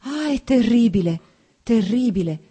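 A woman's voice: on the high side, animated, measured pace, mellow, breathy edge, pitched above the performer's own voice. A woman reading the part of a distressed married woman who pleads urgently for her friend in an audiobook. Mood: desperate.

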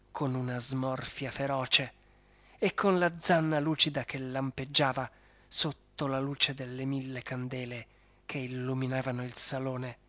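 A narrator reading a children's story aloud in a lively, expressive storytelling manner. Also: mid-range voice, dry recording. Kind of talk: audiobook narration. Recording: dry studio voice over soft music.

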